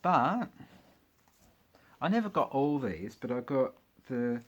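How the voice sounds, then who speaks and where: A man's voice: mid-range voice, very animated, slow, lo-fi sound. A man chatting casually about his record collection, with wry, jokey asides. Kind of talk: casual chat while unboxing records.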